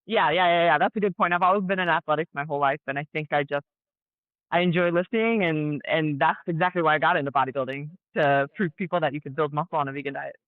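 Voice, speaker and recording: A woman's voice: sits low, quick pace, no room sound. Chatty woman on a tinny call line. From Colorado, USA. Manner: animated, chatty storyteller with many "like" fillers. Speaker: guest, ER nurse and pro athlete. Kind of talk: casual storytelling interview. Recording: tinny phone-like dry audio.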